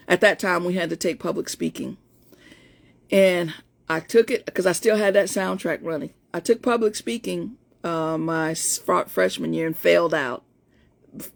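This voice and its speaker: A woman's voice: on the low side, creaky. A woman of about fifty with an in-between, not very feminine voice, telling a personal story in a chatty live stream as a coach. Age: 50s. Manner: storytelling, chatty, many restarts. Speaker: life coach. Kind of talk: casual live-stream talk to viewers.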